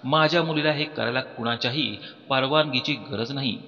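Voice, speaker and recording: A man voicing a loving, proud father who speaks warmly and reassuringly to his daughter. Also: medium pitch, normal speed. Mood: stern. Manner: warm, reassuring speech. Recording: dull recording with long reverb, soft music behind.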